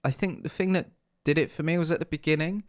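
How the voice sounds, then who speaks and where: A man's voice: a little high, fast talker, dry recording, clean studio sound. A man co-hosting a podcast in casual chat, hesitant with lots of fillers and a sarcastic edge. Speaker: podcast co-host.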